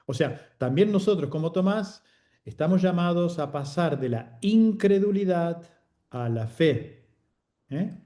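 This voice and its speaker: A man's voice: on the high side, animated, a little slow, dark tone. A man teaching a Bible course, explaining patiently and often checking in with short tag questions.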